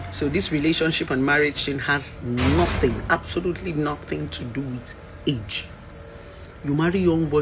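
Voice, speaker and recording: A woman's voice: low voice, background noise. Nigerian woman, 30s, vlogger; fiery, preachy opinion rant. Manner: impassioned, preachy, mixes in Pidgin.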